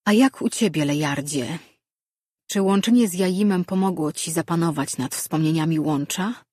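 A woman's voice: low-pitched, moderate pace, husky, dry recording. Elder woman dreamweaver, composed with suppressed dread, read by a woman, dry close sound. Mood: concerned. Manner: steady, with held-back fear.

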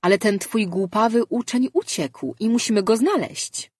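A woman's voice: on the high side, expressive, moderate pace, darkish tone, breathy edge, no echo, studio quality, voice pushed up. A woman reading a glib, teasing male spirit who shares a man's mind, speaking in an offhand way.

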